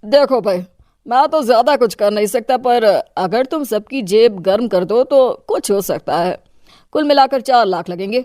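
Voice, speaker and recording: A domineering local politician husband acted by a woman, corrupt and full of himself. The voice is smooth, clean and closely recorded, pitched fairly high, in the manner of a cartoon moral tale. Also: expressive, normal speed, mellow, dry recording, clean studio sound, lightly acted. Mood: sly. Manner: bossy, self-important. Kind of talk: cartoon moral-story acting.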